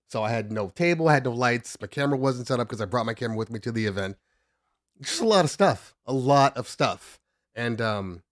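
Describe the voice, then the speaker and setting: Clean studio audio with no echo captures a man's mid-range voice as he sets up a casual DJ livestream at his home desk. He's congested from just getting up and keeps rambling, joking and interrupting himself.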